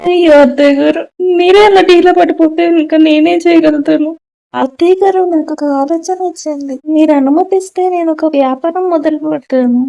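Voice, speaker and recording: A woman's voice: sits high, fairly quick, creaky, warm tone. A woman with a Telugu accent voicing the daughter-in-law in a cartoon moral story, earnest and eager.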